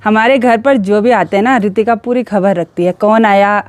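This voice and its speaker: With a mid-range voice and moderate pace, a young vlogger from Uttarakhand, India, walks around her hill village outdoors, phone camera in hand. She chats cheerfully and ribs her neighbours, and there's no echo on the audio.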